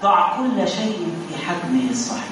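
A man's voice: high voice, animated, fairly quick, a bit bright. An Egyptian man preaching a sermon, firing rhetorical repeated questions and mixing formal and colloquial speech. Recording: very echoey, distant mic, faint noise.

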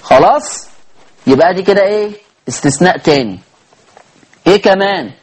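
A man with an Egyptian accent teaching a tajweed lesson on Quran recitation. He asks his listeners rhetorical questions and chants the verses slowly. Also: sits high, expressive, husky. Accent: Egyptian Arabic.

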